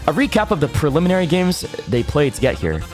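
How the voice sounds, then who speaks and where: A man voicing a showy game show host with a booming, theatrical prize announcer delivery. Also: sing-song, quick pace, soft background music. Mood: grand, showy. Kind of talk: scripted game show presenting.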